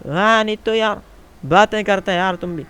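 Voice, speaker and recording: A man's voice: high voice, normal speed, pushed and bright, smooth, pitched above the performer's own voice. A man voicing a quarrelsome male Pathan tent builder in a game role-play, arguing in Pashto-accented Urdu with broken grammar. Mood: grumbling. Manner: argumentative, grumbling, broken grammar, keeps saying "maada".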